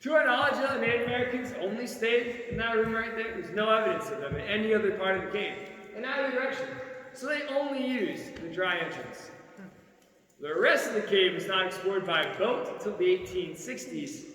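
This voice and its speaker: A man's voice: sits high, expressive, brisk, sharp tone. A man working as a cave tour guide, explaining in short projected phrases to visitors inside a cave. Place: inside a large limestone cave. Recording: echoing cave, long reverb, distant mic.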